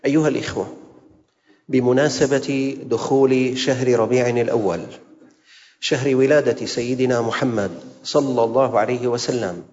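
A male preacher delivers a Friday sermon in a mosque, in a voice of middle pitch. His measured delivery slows for recited verses and builds through repeated rhetorical phrases. The sound is dull and carries a long hall reverb. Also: fairly even intonation, a little mellow. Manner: rhetorical repetition and questions.

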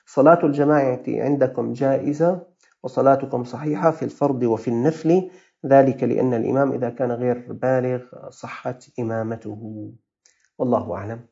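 A man's voice: mid-range voice, fairly even intonation, a little fast, creaky, mellow, dull audio. A man with a Levantine Arabic accent, a religious scholar answering listeners' questions with earnest, fatherly advice.

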